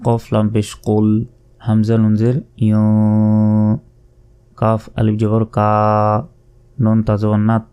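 A man with a Bangladeshi Bengali accent teaches Quran reading in a low, very mellow voice. He spells the letters out slowly and patiently, drawing out each recited word. His tone is smooth and resonant. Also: monotone, faint music behind.

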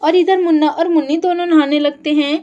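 A woman's voice: sits high, fairly even intonation, a little fast, warm tone, muffled recording, soft background music. A woman narrating a simple doll story for children, telling it plainly step by step.

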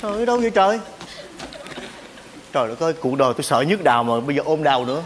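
A man's voice: a little high, very animated, very fast, noisy background. An exasperated, teasing man. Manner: exclaims often, teasing banter. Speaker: stage comedy actor. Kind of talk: stage sketch comedy.

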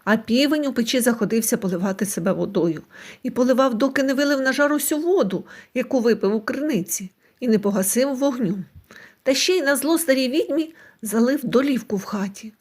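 High, lively woman reading a fairy tale. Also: fairly quick. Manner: expressive, animated reading. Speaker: storyteller. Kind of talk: scripted fairy tale narration.

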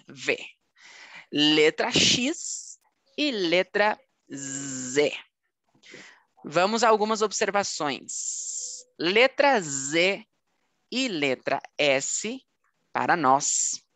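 Woman, Brazilian Portuguese accent, language teacher, slow demonstrative delivery, lowish voice, dry close sound. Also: fairly bright tone, dry recording. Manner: slow, drawn-out letter-by-letter demonstrations with frequent checking "Ok?". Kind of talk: online language lesson.

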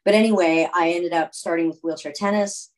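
Speaking from a home room, this low-voiced Californian woman is an athlete appearing as a guest in a laid-back video call interview. Her pace is brisk, her talk loose and wandering with fillers and false starts, all captured on a low-quality recording.

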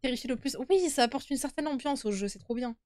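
A woman's voice: high-pitched, quick pace, a little mellow, no room sound. A young woman streaming a horror game with casual live commentary, uneasy and easily scared, chatting to her viewers. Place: indoor room at home.

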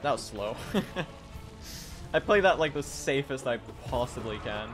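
Excitable young man streaming a speedrun. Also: medium pitch, a little slow, soft background music. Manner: excitable, pleading, talks to chat. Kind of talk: live-streamed game commentary.

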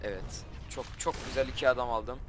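A young man hosting a gaming channel, giving casual gameplay commentary and quickly flaring up in frustration. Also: medium pitch, heavy background noise. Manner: frustrated, quick to flare up and shout at the game.

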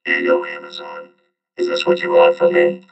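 Deep robot voice. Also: male voice, moderate pace, gravelly, lo-fi sound, very noisy, heavily acted. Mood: mechanical. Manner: mock-mechanical, stiff deadpan delivery. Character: monotone male robot. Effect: robot voice, deep and flat. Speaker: online reseller. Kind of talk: casual screen-recording vlog.

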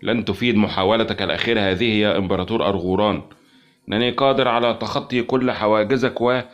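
A man voicing a firm, commanding male officer hero in an audiobook, speaking quickly and forcefully. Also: on the low side, lo-fi sound, natural voice.

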